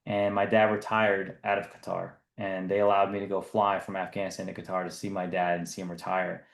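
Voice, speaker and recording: A man's voice: low-pitched, flat delivery, a little fast, gravelly, echoey room. A man in his thirties from the US East Coast, a business founder telling his story earnestly in a podcast interview. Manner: earnest, repeats words when restarting.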